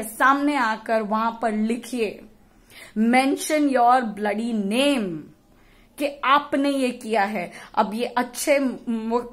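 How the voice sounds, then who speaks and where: A woman vlogger rants with fury and force, hurling insults at her critics. Her voice sits a little higher than most. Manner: mixes English phrases into Hindi. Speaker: YouTuber. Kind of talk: impassioned vlog rant.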